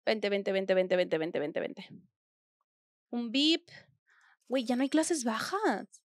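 Streaming a game from a small room at home, a young Mexican woman with a high voice offers casual commentary, chatty and slangy, thinking aloud as she plays. She speaks slowly, with big swings in pitch, and the recording is dry.

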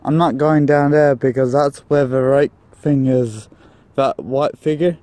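A man's voice: medium pitch, steady tone, measured pace, dark tone, no echo. A man filming a ghost-hunting vlog outdoors by a tunnel, talking nervously to his handheld camera with jumpy exclamations. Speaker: vlogger. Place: outdoors near a tunnel and field.

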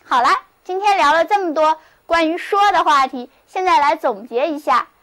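A woman's voice: very high voice, normal speed, fairly bright tone. A woman teaching English vocabulary in a scripted lesson, spelling words letter by letter and reading example sentences aloud.

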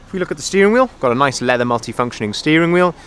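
A man who manages van sales, giving a walk-around tour of a van outdoors at a dealership while filming it by hand. He talks in a relaxed sales patter with plenty of fillers. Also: fairly high pitch, rapid-fire, clear, resonant tone. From Wales. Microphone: camera held by the speaker, filming by hand.

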